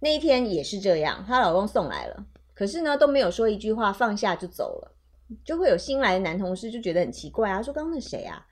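A woman's voice: medium pitch, very animated, fast, darkish tone. A woman co-hosting a casual chat podcast, telling jokes playfully, laughing often and acting out the lines of people in them. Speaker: podcast co-host.

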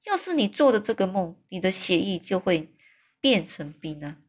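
A woman voicing a big, friendly male giant in a storybook read-aloud, with loud exclamations and wailing cries. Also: medium pitch, sing-song, moderate pace. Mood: grim.

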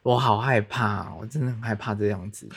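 A man's voice: lowish voice, fairly even intonation, husky. A man, co-hosting a podcast in chatty, reactive casual talk. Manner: chatty, reactive, quick to laugh. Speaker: podcast co-host. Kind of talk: casual chat.

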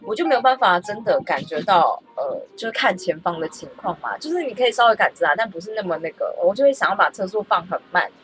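A young woman telling a story in a casual, animated, self-mocking way. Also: mid-range voice, quick pace, few pauses, slight background noise, low-quality recording. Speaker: vlogger. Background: faint background music.

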